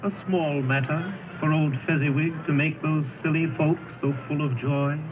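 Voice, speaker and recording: A man playing a solemn male spirit of the past in a 1930s radio drama, speaking in a grave, measured, commanding way. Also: a little high, steady tone, lightly acted. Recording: tinny old radio broadcast with music.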